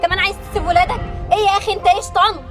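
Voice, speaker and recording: Casting: woman as hot-tempered Egyptian mom, high, rapid, sharp, music underneath. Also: echoey room, natural voice. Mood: angry. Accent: Egyptian Arabic. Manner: sharp, quick retorts. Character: hot-tempered wife and mother, sharp-tongued. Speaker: actor. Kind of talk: scripted web family drama. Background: background music.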